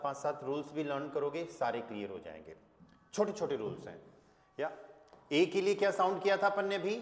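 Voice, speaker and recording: A man with a somewhat high voice gives a patient language lesson, drawing out letters and sounds and checking in often with his class. The room is echoey, with a long reverb that trails behind his words. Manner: patient, repeats key points with "ठीक है" checks; spells letters out slowly and drawn out. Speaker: German teacher.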